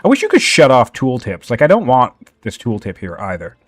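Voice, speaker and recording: A man casting a strategy game tournament in a relaxed, joking way, chuckling and teasing with light sarcasm. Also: mid-range voice, brisk, no echo, soft background music. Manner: jokey, laughs often, playfully sarcastic. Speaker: tournament caster. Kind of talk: casual game commentary.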